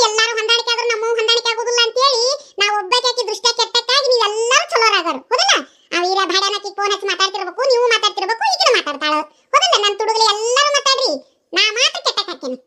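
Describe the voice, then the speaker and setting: A woman's voice: very high-pitched, fast, sharp tone. A woman voicing a nagging middle-aged mother in a cartoon, scolding and mocking in a North Karnataka Kannada accent.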